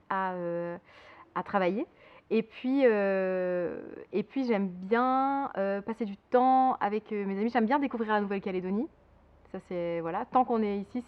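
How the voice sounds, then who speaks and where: A woman's voice: medium pitch, dull audio. Hesitant young woman from Belgium. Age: 20s.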